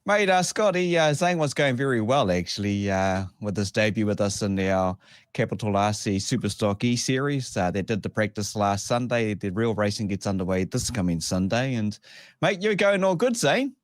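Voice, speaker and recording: A man's voice: fairly low pitch, normal speed, dry recording, clean studio sound. A man with a broad New Zealand accent hosting a casual sports chat show in a matey, slangy way. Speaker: show host.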